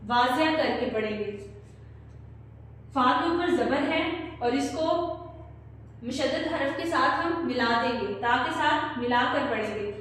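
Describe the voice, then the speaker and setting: A woman teaching children Quran recitation with an Urdu accent, slowly modelling each word for them to repeat. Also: high-pitched, slight background noise. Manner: slow, patient, models recitation for pupils to repeat. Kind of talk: tajweed lesson for children. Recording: echoey distant room recording.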